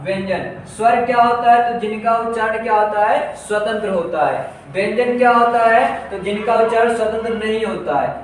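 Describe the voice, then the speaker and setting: High-voiced male teacher in echoey room. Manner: repetitive, asks and answers own questions, drawn-out words. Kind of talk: Hindi grammar lesson for exam prep. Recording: very echoey room, distant mic, faint noise.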